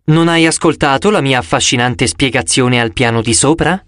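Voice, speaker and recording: A man's voice: mid-range voice, normal speed, a bit bright, dry recording, clean studio sound, close to an everyday voice. A man voicing a cheerful, slightly mysterious female park ranger leading a tour in an audiobook. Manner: chirpy, announcing to a group. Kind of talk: audiobook character voice.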